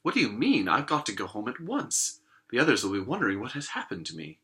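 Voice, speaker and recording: A high, pleading young girl, as a man puts her on, polite but quickly alarmed. Her voice jumps far above the reader's own and swoops around with feeling. The tone is bright and sharp, from a storybook reading. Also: huge pitch swings, exaggerated voice.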